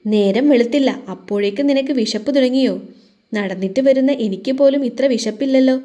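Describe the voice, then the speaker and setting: Woman reading a gruff dad needling his son, mellow audio-story voice. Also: on the high side, a little fast, dull audio, lightly acted. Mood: sarcastic. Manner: gruff, sarcastic.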